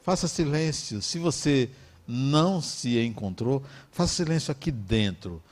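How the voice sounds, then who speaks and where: Animated Brazilian man giving a motivational talk. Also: mid-range voice, unhurried. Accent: Brazilian Portuguese. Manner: emphatic, repeats phrases, joking asides. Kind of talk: motivational talk with personal anecdotes.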